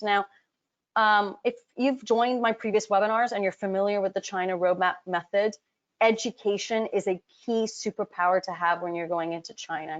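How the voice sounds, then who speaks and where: Chatty woman on dull lo-fi webinar audio. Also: medium pitch. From Hong Kong. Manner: chatty, direct, addresses the audience often, frequent ums. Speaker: business advisor presenting a webinar. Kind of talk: live webinar presentation. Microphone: computer mic on a web call, camera off.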